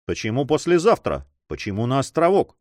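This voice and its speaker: A man's voice: mid-range voice, wildly swooping pitch, fairly quick, darkish tone, dry recording, clean studio sound. A man voicing a cautious older uncle and governor who scolds the young men in a story. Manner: worried, scolding.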